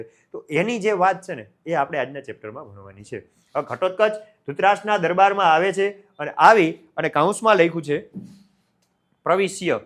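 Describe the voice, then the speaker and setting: A man's voice: fairly high pitch, fairly bright tone. A middle-aged man teaching a class with a Gujarati accent, going through each word and asking his students questions as he explains. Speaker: Sanskrit teacher. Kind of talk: classroom lesson explaining a textbook play.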